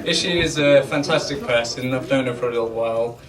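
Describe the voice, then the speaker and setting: A man's voice: medium pitch, fast talker, a crowd in the background. A man delivering an informal best man toast to guests at a wedding reception. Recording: distant mic, clear background noise.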